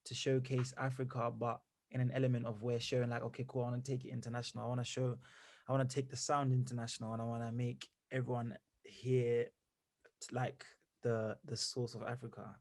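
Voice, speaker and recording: A young man from Zimbabwe, a musician answering interview questions in an energetic, rambling way full of fillers. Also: medium pitch. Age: young adult. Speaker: musician guest.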